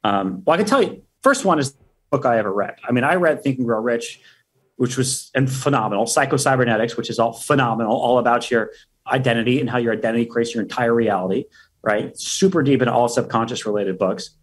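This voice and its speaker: A man speaking as a podcast guest in a casual interview, energetic and profane, full of hype. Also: mid-range voice, fairly quick, breathy edge.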